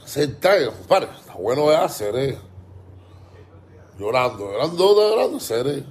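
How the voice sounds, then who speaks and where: A man's voice: mid-range voice, lively intonation, moderate pace. A man with a Cuban Spanish accent, ranting in a heated, repetitive way, stumbling over his words and swearing often. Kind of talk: casual ranting monologue.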